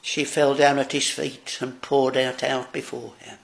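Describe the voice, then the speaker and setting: A man preaching a sermon, slow, solemn and earnest. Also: mid-range voice, flat delivery, vocal fry.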